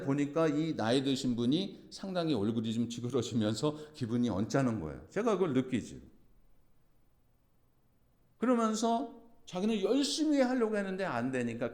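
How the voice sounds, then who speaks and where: Guy pastor preaching, tells stories and acts out the lines, pitch jumps all over, gets loud on the big points. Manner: animated storytelling, acts out quoted lines, rising to loud emphatic peaks. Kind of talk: sermon.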